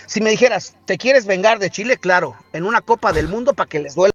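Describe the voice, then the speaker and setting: A man's voice: high-pitched, lively intonation, fairly quick, fairly bright tone, no room sound, dull audio. A man with a Mexican accent hosting a sports talk show, bantering with jokey wordplay.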